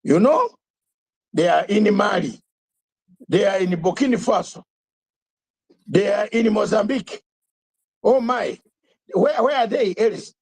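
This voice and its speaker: Hosting his live talk show, an older man with a high, husky, slightly mellow voice delivers fiery commentary at an unhurried pace with long pauses. He repeats points for emphasis and fires off rhetorical questions in succession.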